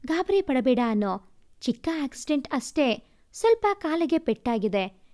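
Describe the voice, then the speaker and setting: A woman voicing a loyal young male friend who calms the others in a spoken story. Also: high voice, a little slow. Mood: calming. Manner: reassuring. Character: young man, loyal close friend, steady and calming.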